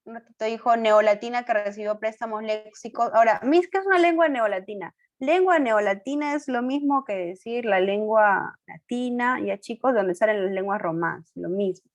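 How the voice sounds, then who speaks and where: Going over quiz answers with her students online, a woman teacher with a fairly high voice speaks at a moderate pace with hardly any pauses. She coaxes them with questions and affirms with short fillers, and when she slips she corrects herself aloud, apologetically.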